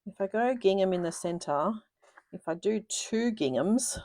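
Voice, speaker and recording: Sniffling a bit from a cold, a live stream host chats casually while making cards, thinking out loud as she goes. She speaks at normal speed in an expressive, medium-pitched, slightly mellow voice with no echo.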